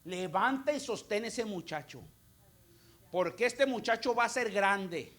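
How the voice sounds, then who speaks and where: A man's voice: high-pitched, lively intonation, measured pace, fairly bright tone. A man preaching who voices God reassuring a patriarch at night.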